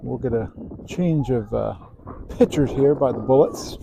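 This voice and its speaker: A man doing play-by-play commentary at a youth softball game, calling plays and chatting casually between pitches. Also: unhurried, vocal fry. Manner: upbeat, calls plays then chats casually with fillers. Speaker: play-by-play announcer. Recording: noisy outdoor field sound.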